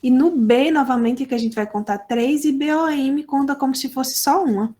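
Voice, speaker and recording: A woman's voice: sits high, dark tone. A woman with a Brazilian Portuguese accent teaching a lesson, explaining step by step and checking often that students follow. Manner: slow, deliberate explaining with frequent checks for understanding. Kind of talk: online lesson explaining sign language phonology.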